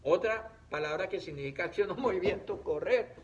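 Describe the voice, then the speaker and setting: A male teacher giving a reading lesson to children on camera, stretching out syllables in a playful, animated way. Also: high voice, a little fast, dull audio.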